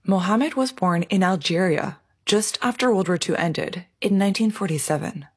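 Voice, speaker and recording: A woman's voice: medium pitch, animated, normal speed, husky. A woman reading scripted documentary narration.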